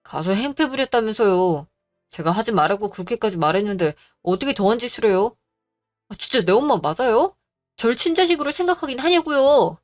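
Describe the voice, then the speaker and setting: A woman voicing a gentle, earnest young man in a drama, speaking apologetically to his fiancée. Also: medium pitch, expressive, brisk, soft background music, close to an everyday voice. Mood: reproachful. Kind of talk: Korean audio drama acting.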